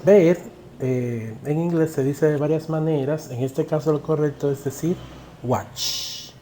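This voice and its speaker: A man gives a recorded online English grammar lesson in an unhurried, mellow voice. He poses questions to the viewer, then pronounces each example sentence slowly and deliberately. A faint background noise sits under the recording. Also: fairly high pitch. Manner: asks the viewer questions and pauses for answers. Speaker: English teacher.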